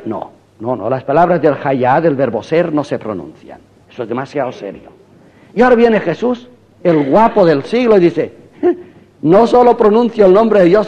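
A man's voice: on the high side, dark tone. Dramatic male priest lecturing, dull recording. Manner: emphatic, dramatic, acts out quoted prayers; rhetorical asides to listeners. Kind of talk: spoken theology lecture.

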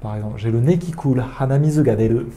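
A man teaching French phrases in an online lesson, speaking slowly and repeating each word carefully for his learners. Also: mid-range voice, warm tone, a little hiss or hum.

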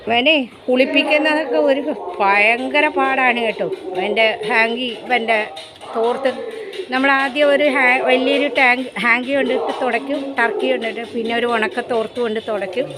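A woman pet vlogger chatting casually and talking to her dog in doting baby-talk, coaxing and scolding it on a sunny rooftop. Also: high-pitched.

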